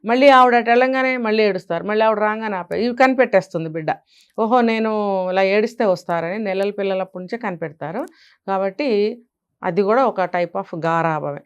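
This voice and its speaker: A woman with a Telugu accent speaks with a smooth, resonant voice. She gives parenting advice in an interview and drives her points home with rhetorical questions. Her pitch sits in the middle range. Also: fairly quick, highs cut off.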